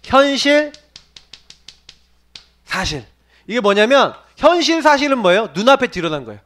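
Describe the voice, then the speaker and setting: High, lively-voiced male youth preacher. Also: moderate pace. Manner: asks the audience many questions, acts out quoted voices. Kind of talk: animated sermon for young people.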